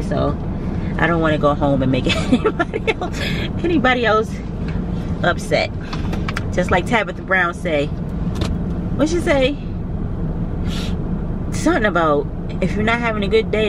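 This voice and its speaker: A woman's voice: on the low side, heavy background noise. A young woman, chatting to her vlog camera from a parked car, tired and a bit cranky. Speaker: vlogger. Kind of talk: casual vlog chat. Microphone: handheld camera close by.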